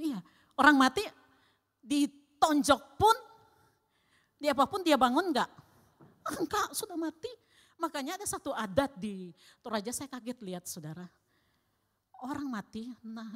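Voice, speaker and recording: A woman preaching a sermon with personal testimony, emphatic, swinging between loud exclamations and quiet asides. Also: high-pitched, in a large hall.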